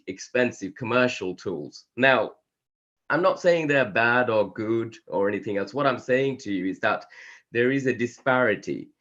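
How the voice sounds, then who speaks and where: A man with a cold and a croaky voice, presenting a conference talk over a video call in a measured, hesitant way. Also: lowish voice. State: hoarse from a cold. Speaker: conference speaker. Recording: dull lo-fi video call audio.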